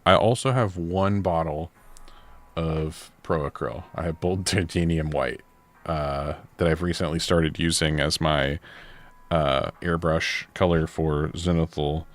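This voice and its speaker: A man with a very deep voice paints miniatures during a livestream, talking at an unhurried pace. His chat is casual and meandering, and he frequently corrects himself.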